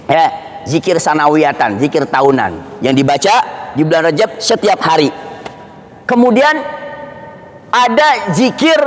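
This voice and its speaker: A man with a Betawi accent preaching a sermon, asking questions and answering them himself, and repeating phrases of dhikr slowly. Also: sits high, long reverb tail. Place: mosque.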